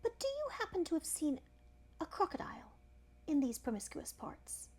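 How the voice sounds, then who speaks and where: A small elephant boy out of a storybook, acted out by a woman reader. The voice sits high, with painstakingly polite, formal phrasing. He sounds earnest and pleading. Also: lively intonation, moderate pace. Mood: polite, hesitant.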